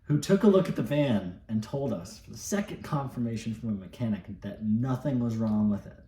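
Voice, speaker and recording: A man's voice: mid-range voice, animated, fairly quick, dark tone. A man co-hosting a vlog, telling a story casually with laid-back, dry asides. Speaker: vlog co-host. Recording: echoey room, distant mic, faint hiss.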